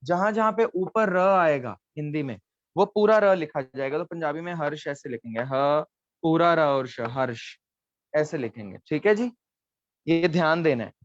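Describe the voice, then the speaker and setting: Patient man teaching script, slightly high voice. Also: animated, moderate pace, dry recording, lo-fi sound. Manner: patient, explains step by step, checks with "theek hai". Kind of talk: online Gurmukhi lesson at a board.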